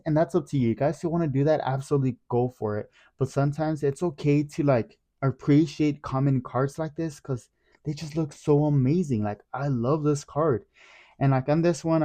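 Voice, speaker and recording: A man's voice: medium pitch, mellow. A man hosting his own collecting channel, chatting casually to camera in a rambling, enthusiastic way, often correcting himself.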